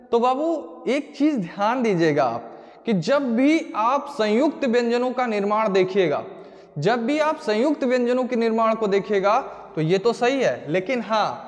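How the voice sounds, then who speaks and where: A man's voice: very high-pitched, big-room sound. A man teaching Hindi grammar for an exam-coaching class, emphatic and repetitive, drilling students with questions and answers.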